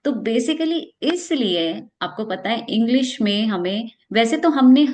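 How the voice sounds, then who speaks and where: A woman teaching English pronunciation in a casual spoken lesson, explaining patiently and repeating practice words slowly. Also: fairly high pitch, lively intonation, a little mellow.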